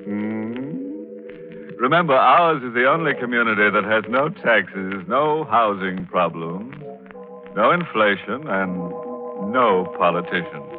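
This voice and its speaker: Old-time horror radio host, ghoulish and sardonic, low slow voice, tinny old recording w music. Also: male voice, expressive. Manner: macabre joking, mock-friendly. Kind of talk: 1940s vintage horror radio narration.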